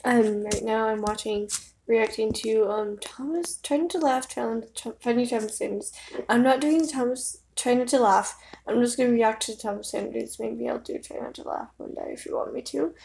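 A young woman reacting to comedy clips in an offhand, rambling way. Her voice sits a little high and has a gravelly fry running through it. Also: fairly even intonation, normal speed, darkish tone, slight background noise. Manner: rambling, self-correcting chatter. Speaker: reaction video host. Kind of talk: casual reaction commentary.

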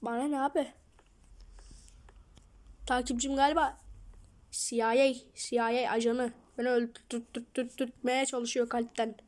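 A woman's voice: on the high side, flat delivery, a little slow, pauses often, a little mellow. A woman hosting her gaming channel, jumpy and self-mocking, talking to herself through a horror game at home. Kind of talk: horror game let's play commentary.

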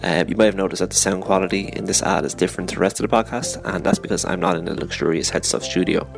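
A deep, heavily gravelly man reads a casual ad with dry, self-mocking asides. The sound comes from a phone dictaphone recording rather than a studio mic, and music plays clearly behind him. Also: quick pace. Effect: recorded on a phone dictaphone app. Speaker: podcast host reading a sponsor ad. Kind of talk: casual read sponsor spot. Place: home in Waterford, not the studio. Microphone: phone dictaphone app.

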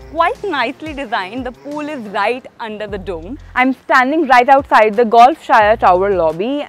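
A young woman working as a real estate presenter leads an upbeat walkthrough tour of a residential complex outdoors, speaking on a lapel mic. Her fairly high-pitched voice carries enthusiastic, sales-minded energy.

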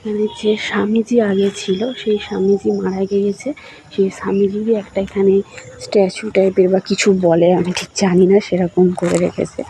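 Lady vlogger walking and chatting into her phone, pretty flat delivery, lots of street noise and birds behind her. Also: medium pitch, brisk, rough recording. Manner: chatty running commentary while walking. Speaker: lifestyle vlogger. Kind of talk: casual vlog narration. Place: outdoors on streets and at a temple in light rain.

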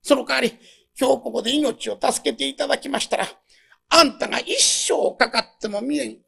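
A man in a rakugo telling voices a sly fox begging for its life in soft, humble Kansai politeness. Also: extremely high pitch, normal speed, vocal fry, a little hiss or hum, heavily acted. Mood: pleading. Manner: soft, humble, pleading Osaka merchant politeness. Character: sly fox disguised as a polite pleading woman. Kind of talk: rakugo storytelling.

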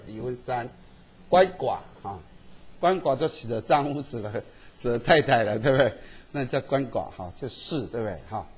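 A man's voice: medium pitch, breathy edge. A man teaching a statistics class, tagging his sentences with little checks to the students. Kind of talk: classroom lecture.

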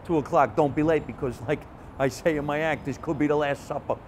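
A man, a comedian telling animated stories from his childhood in a casual interview. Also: fairly high pitch, brisk, slight background noise. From Jersey City, New Jersey. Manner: animated, chatty storyteller with frequent restarts. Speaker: comedian, guest.

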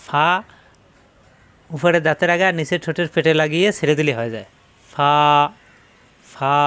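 A man teaching Quran letter pronunciation, repeating each letter slowly and explaining where it is formed in the mouth. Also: a little high, fairly bright tone, smooth. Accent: Bangladeshi Bengali. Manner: slow, drawn-out letter sounds between instructions.

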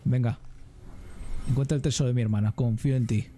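A man with a Spain Spanish accent giving casual gameplay commentary, excitable and jokey, swearing freely. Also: medium pitch, fast, a little hiss or hum. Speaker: gaming streamer.

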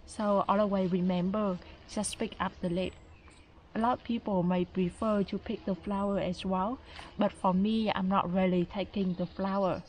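A woman narrating a foraging vlog as a guide, speaking calmly in simple, non-native English. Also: medium pitch, slight background noise. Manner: calm, simple instructive phrasing.

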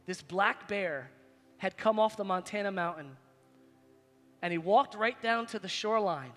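A man in his forties preaching a sermon as pastor, animated, swinging between loud high bursts and quiet low asides. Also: unhurried. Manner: animated, preaching with big swings in loudness and pitch. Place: large stage in a church hall. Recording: long hall reverb, faint music behind.

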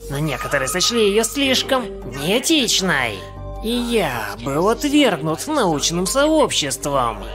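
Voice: medium pitch, very animated. Someone voicing a smug theatrical mad-scientist villain. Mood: brooding, proud. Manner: theatrical, drawn-out gloating. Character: smug male mad-scientist inventor, theatrical villain telling his story. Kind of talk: animated cartoon dub. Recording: music behind the voice.

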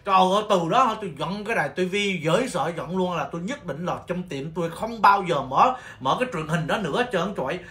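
A man from Vietnam who owns a nail salon, telling stories on his livestream in an animated, exclaiming way with mock-scolding rants. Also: high-pitched, brisk, hardly any pauses. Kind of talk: casual storytelling livestream.

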